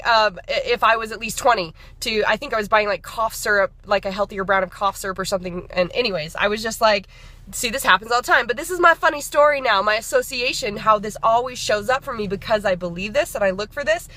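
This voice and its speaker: A fitness and nutrition coach in her thirties chats in a casual, motivational vlog, upbeat and rambling with lots of fillers and restarts. Her voice is a little high with a sharp tone, and the recording is dry.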